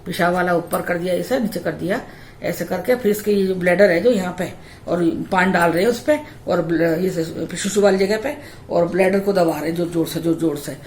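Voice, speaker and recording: A woman's voice: lowish voice, normal speed, darkish tone, roomy sound, slight background noise. A young adult woman vlogger telling a personal story in a chatty, repetitive way. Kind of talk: casual storytelling.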